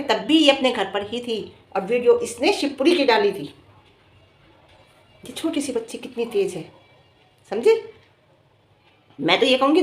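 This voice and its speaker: A woman's voice: a little high, reverberant. A woman vlogger giving scolding casual commentary, asking the viewers rhetorical questions.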